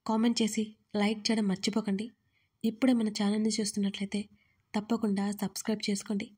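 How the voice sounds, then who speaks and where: A woman narrating a dramatic story in an expressive, measured reading style for her channel. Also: medium pitch, breathy edge.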